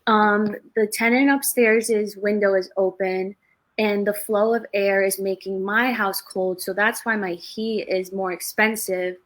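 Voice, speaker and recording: A woman's voice: mid-range voice, steady tone, measured pace. A woman in her twenties, a guest on a livestreamed interview, telling her stories in a chatty, easygoing way. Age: 20s. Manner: chatty storyteller, laughs between stories. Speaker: guest, real estate investor. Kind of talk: casual interview over a livestream.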